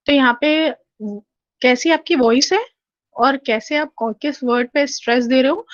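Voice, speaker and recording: Higher-voiced woman lecturing over slides. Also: no room sound. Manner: explanatory, frequent 'theek hai' check-ins. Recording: dull, lo-fi and dry.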